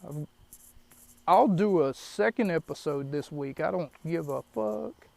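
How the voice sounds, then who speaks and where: A man's voice: on the high side, animated, unhurried, creaky, darkish tone, no room sound. A young man hosting a solo podcast from his parked car, rambling and shaken, catching his breath between fillers. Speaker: podcast host. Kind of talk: solo podcast, wrestling recap. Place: parked car in an empty lot.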